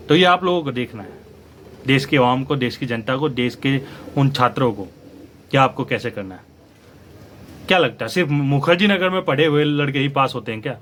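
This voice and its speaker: A man's voice: medium pitch, fairly bright tone, slight background noise. A young man giving opinionated, lecturing commentary straight to his viewers as a news channel host. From India. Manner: lecturing, argumentative, addresses viewers directly.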